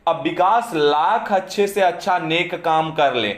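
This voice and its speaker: A male teacher works through his lesson at a measured pace, regularly pausing to ask "समझे?" and make sure the class is following. His voice is a little high, and the space sounds reverberant.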